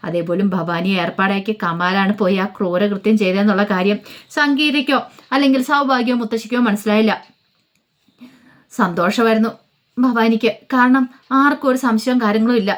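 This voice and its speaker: Woman storyteller, quick casual recap voice, filler-heavy. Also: fairly high pitch. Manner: chatty, hurried, many fillers. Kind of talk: casual retelling of a serial story.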